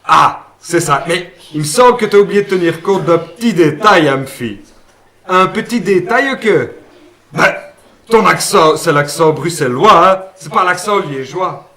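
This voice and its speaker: A man plays a cheeky, simple-minded puppet fellow with a Liège accent, talking in a folksy, rambling way in a higher-than-usual register. The sound is roomy, with the voice sitting some way off the mic. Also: animated, a little slow, pushed and bright, far from the mic, exaggerated voice. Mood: chatty. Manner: folksy, naive, lots of "hein" and "ben".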